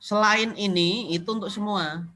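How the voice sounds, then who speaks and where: A man with an Indonesian accent, a university lecturer teaching an online class in a relaxed, conversational way, mixing casual slang into his explanations and checking whether students can hear him. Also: high voice, normal speed. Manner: repeatedly asks if he can be heard.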